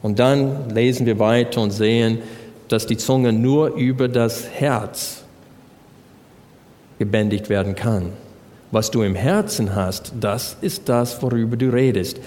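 An unhurried preacher with a mid-range, slightly mellow voice moves through Bible verses and asks the congregation rhetorical questions, his sermon carrying a long hall reverb.

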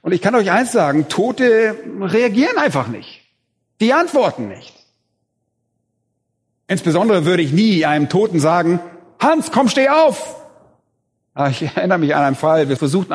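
A man's voice: a little high, animated, normal speed, breathy edge. A man preaching a sermon in an emphatic way, rising on key words. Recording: reverberant hall.

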